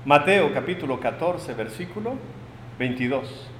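A man preaching a sermon, emphatic, swinging between loud proclamations and quiet asides, recorded in a church hall. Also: mid-range voice, expressive, unhurried, a little hiss or hum.

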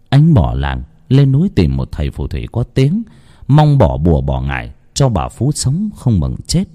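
A man narrating a ghost story in a dramatic, expressive storytelling voice. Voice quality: expressive, varied in pitch. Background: faint music.

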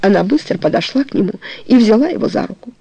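An audiobook narrator reading a novel in a measured, even storytelling manner. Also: medium pitch, husky, no echo. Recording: dull lo-fi recording.

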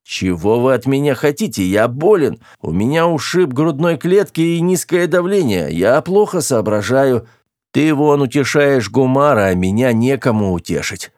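A man reading an audiobook, voicing a sly, lazy male spaceman who whines and fakes being ill, slower and lower than his narration. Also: darkish tone, no echo, clean studio sound, natural voice. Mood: whiny. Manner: whiny, put-upon and sly.

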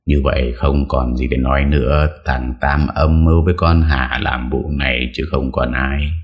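A man's voice: a bass voice, steady tone, moderate pace, dull audio. A man reading as a grave old temple master.

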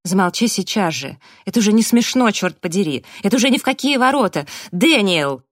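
An audiobook reader voicing a young woman who is frightened and angry, breaking into sharp, rising outbursts. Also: low voice, moderate pace, dry recording, studio quality. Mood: furious.

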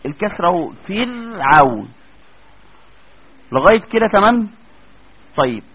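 In a tinny, lo-fi lecture recording, an Egyptian-accented man with a high, breathy-edged voice teaches Quran recitation to a class. He breaks every rule down in steps and frequently checks that his students understand.

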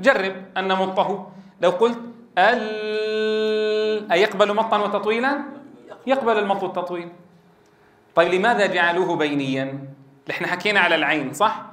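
A man's voice: high-pitched, fast, fairly bright tone, reverberant. A middle-aged man teaching a classroom lesson, explaining and quizzing his students and drilling sounds aloud. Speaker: Quran recitation teacher.

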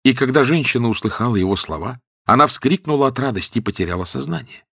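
A man narrating a classic tale in a measured, steady storytelling manner. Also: mid-range voice, gravelly, husky, no room sound, studio quality. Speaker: audiobook narrator.

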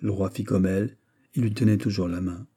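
A man narrating a classic novel as an audiobook in a measured, steady way. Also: low-pitched, slightly rough. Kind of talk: scripted literary narration.

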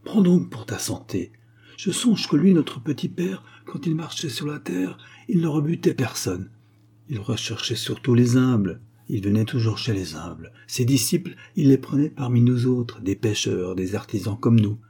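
A man voicing a kindly, devout old shoemaker who speaks gently and earnestly. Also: mid-range voice, animated, normal speed, slightly rough.

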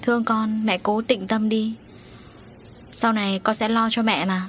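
A woman voicing a grieving young daughter who gently comforts her mother in a storybook reading. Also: fairly high pitch, little pitch movement, a little slow, a little hiss or hum, voice pushed up, natural voice. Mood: tender consoling. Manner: soft consoling tone.

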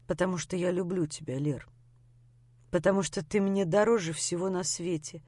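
A woman's voice: lowish voice, moderate pace, a little mellow, no echo, natural voice. A woman reading the part of a bitter, injured young man who lashes out in harsh bursts of self-hatred. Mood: remorseful. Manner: harsh, self-hating outbursts.

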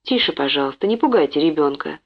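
A woman's voice: sits low, expressive, quick pace, pitched below the performer's own voice. A woman voicing an anxious, protective mother who urges and pleads. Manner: urgent, pleading. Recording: dull lo-fi recording.

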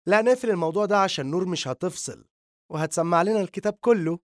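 A man voicing a jealous, sharp-tongued teenage girl with an Egyptian accent, raising his voice higher and louder in an audiobook reading. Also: very fast, no echo, clean studio sound, close to an everyday voice. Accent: Egyptian Arabic.

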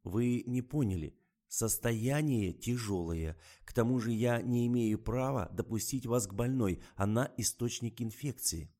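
A man's voice: medium pitch, normal speed, few pauses, mellow, pitched above the performer's own voice, close to an everyday voice. A man voicing a stern male ambulance doctor in an audiobook, speaking in an official, brusque, insistent way.

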